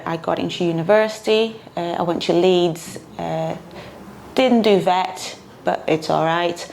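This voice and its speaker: Speaking with a Brazilian accent, a woman in her thirties from Brazil, a property investor whose first language is Portuguese, chats as an interview guest and frequently says "uh." Her lowish voice is a little mellow, and there's slight background noise.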